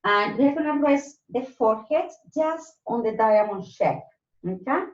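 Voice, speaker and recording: A woman's voice: on the high side, animated, normal speed. A woman instructing a live Pilates class, counting breaths and movements aloud in short, spaced cues. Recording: roomy echo, distant mic, slightly dull sound.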